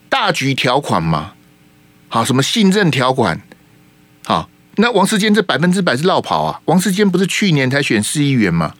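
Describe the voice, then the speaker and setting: A man's voice: on the high side, a bit bright, no room sound. A man with a Taiwanese Mandarin accent hosting a radio talk show, giving emphatic political commentary full of rhetorical questions into a studio mic.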